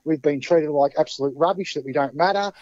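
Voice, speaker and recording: A man's voice: on the high side, a little fast, a little mellow, dry recording. An Australian man with a blokey, matey, plain-spoken tradie manner, debating casually on a phone-in. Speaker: football club supporter giving his view. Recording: muffled lo-fi call, very dry.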